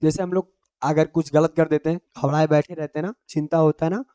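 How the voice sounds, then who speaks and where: A man's voice: a little high, flat delivery, fairly quick, dark tone, clean tone, no echo. A man teaching everyday English phrases, repeating each phrase and quizzing the listener. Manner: drills each phrase with repeated quiz questions; simple, homely explanations. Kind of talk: Hindi-language English lesson.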